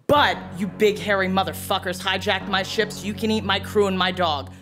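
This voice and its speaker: A woman's voice: mid-range voice, fairly bright tone. An actress playing a fierce, foul-mouthed female starship captain in an audio drama, brash and commanding.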